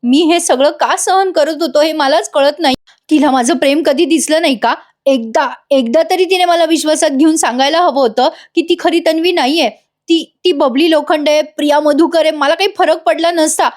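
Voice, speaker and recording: A woman voicing a distraught young husband who shouts and pleads in anguish. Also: sits high, moderate pace, pitched above the performer's own voice, lightly acted.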